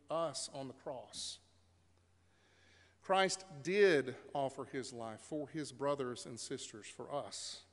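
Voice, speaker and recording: A man's voice: fairly high pitch, fairly bright tone. A man preaching a sermon as pastor in a church sanctuary, telling stories in a conversational way with occasional fillers. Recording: long reverb of a church sanctuary.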